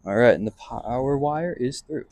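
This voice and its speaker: Here a man with a darkish, medium-pitched voice speaks at a moderate clip. He's a vlogger doing a hands-on car install, chatting casually and musing aloud with slang as he moves around a pickup truck.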